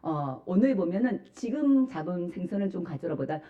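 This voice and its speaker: A woman pastor delivers an emphatic Sunday sermon, often putting questions to her congregation. Her voice sits low and mellow but rises and falls widely as she preaches. The church recording sounds dull and lo-fi. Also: very animated, brisk. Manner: asks the congregation rhetorical questions. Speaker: senior pastor. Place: church sanctuary.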